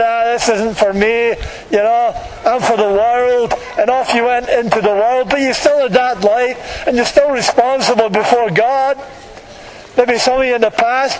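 A man's voice: very high-pitched, rough recording. A man preaching in the open air to passers-by, exhorting them in a colloquial, repetitive way. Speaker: street preacher. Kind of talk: open-air evangelistic sermon, addressing passers-by. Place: outdoors in a public street. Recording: outdoor street recording with faint traffic noise.

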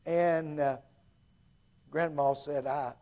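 A man with an Appalachian accent preaching in a folksy storytelling style, halting and circling back to repeat his phrases. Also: a little high, fairly even intonation, mellow. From Appalachia, southwest Virginia.

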